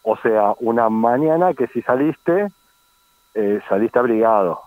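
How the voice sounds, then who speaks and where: An Argentine man reports the weather conversationally on a radio call. His pitch is average and the sound is narrow and phone-like, with no room echo. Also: lively intonation, a little slow. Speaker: weather forecaster.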